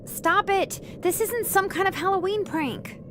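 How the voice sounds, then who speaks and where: An actress playing a quirky, rambling, excitable young woman in a video game. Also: very high voice, measured pace, background noise. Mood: indignant. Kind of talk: video game character acting.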